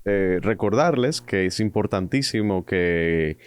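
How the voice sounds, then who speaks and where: A man's voice: sits low, animated, slow pace, smooth. A Dominican man hosting a podcast in a casual, colloquial, joking way. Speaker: podcast host.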